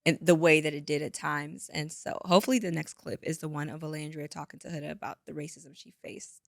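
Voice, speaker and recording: A woman with a low, gravelly voice co-hosting a casual podcast. She talks through reality TV drama and animatedly acts out other people's lines. The sound is dry and close. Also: fairly even intonation, fairly quick, dry recording. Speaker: podcast co-host.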